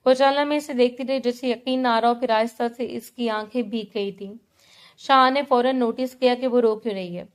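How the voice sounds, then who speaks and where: A woman's voice: a little high, fairly even intonation, smooth. A woman narrating a love story, reading steadily. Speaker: novel narrator.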